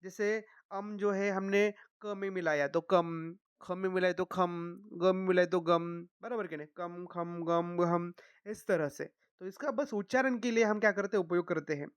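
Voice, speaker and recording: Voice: mid-range voice, smooth, dry recording. Patient teacher, dry close sound. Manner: patient, repeats each sound slowly, checks in often with "okay, right?". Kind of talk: explanatory lesson.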